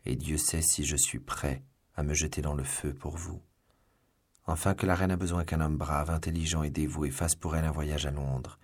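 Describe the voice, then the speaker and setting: A man's voice: rumbling low, steady tone, moderate pace, a little mellow. A man voicing a brave, gallant young swordsman in an audiobook. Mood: ardent. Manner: bold, gallant. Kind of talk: audiobook reading.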